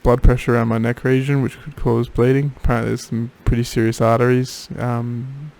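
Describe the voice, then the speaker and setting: Tired man with a creaky voice. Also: little pitch movement, brisk, a little mellow, poor audio. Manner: tired, low-energy. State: tired and drowsy after throat surgery. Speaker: patient keeping a recovery video diary. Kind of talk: casual video diary. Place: home office.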